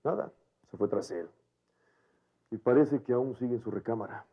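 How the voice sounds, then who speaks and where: An actor playing an indignant, offended gentleman in a 1990s Mexican telenovela, with a Mexican Spanish accent. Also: medium pitch, moderate pace, slightly rough. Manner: huffy, indignant. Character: indignant genteel man, stiff and offended. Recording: dull lo-fi TV audio.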